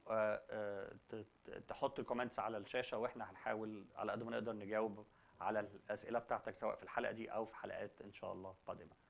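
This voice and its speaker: A man's voice: fairly low pitch, gravelly, a bit bright. A man with an Egyptian Arabic accent, a native Arabic speaker hosting a talk show, mixing Arabic and English and often restarting words. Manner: halting, repeats word beginnings.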